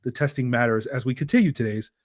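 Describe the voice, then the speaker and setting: A man's voice: mid-range voice, fast talker. A man hosting a football podcast, talking through draft prospects in a loose, conversational way with lots of fillers and restarts. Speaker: podcast host. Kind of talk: casual sports analysis podcast.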